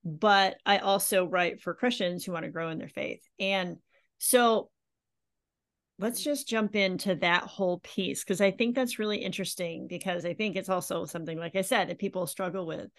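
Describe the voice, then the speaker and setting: A friendly, enthusiastic woman hosts a podcast interview and coaches writers. Her voice sits fairly low and she talks at a moderate pace.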